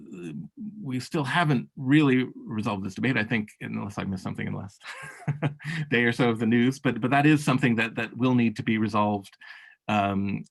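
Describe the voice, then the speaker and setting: A man with a lowish, gravelly voice, talking off the cuff as a workshop panelist. He halts often and fills the gaps with filler sounds and restarts. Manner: halting, many fillers and restarts. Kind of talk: unscripted policy talk.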